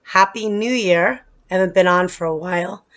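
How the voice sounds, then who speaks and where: A woman's voice: fairly low pitch, normal speed, a bit bright. Astrologer woman losing her voice. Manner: explanatory, with some restarts and filler. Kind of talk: casual astrology talk to camera. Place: humid place.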